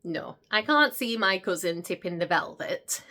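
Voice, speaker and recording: An actress playing a gossipy, excitable young vlogger, gushing and gasping as she talks in a comedic monologue. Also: fairly low pitch, unhurried, heavily acted. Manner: gushing, gossipy, breathless gasps and squeals.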